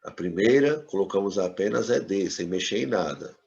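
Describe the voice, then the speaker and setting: A fairly low-voiced man gives a classroom lesson, patient and repetitive, checking in with his students as he goes. The sound is a bit dull and lo-fi. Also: lively intonation, normal speed, gravelly, darkish tone. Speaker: English teacher.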